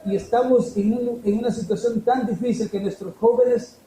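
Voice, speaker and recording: A man preaching a fervent sermon, swinging from emphatic peaks down to low, quiet lines. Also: fairly even intonation, moderate pace. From El Salvador. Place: church hall. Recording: echoey church room, faint noise.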